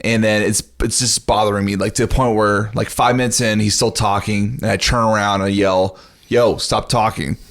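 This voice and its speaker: A man's voice: lowish voice, steady tone, a little fast, hardly any pauses, a bit bright. A young man on a podcast telling blunt, profane stories in casual chat. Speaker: podcast co-host.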